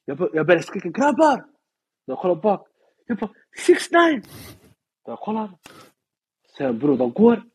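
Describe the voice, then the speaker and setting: Slangy, animated young Swedish man. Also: high-pitched, pauses often, slightly rough, low-quality recording. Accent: Swedish suburban street slang. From Sweden. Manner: animated, slangy, mimics people in English. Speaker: guest storyteller. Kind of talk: casual chat, anecdote telling.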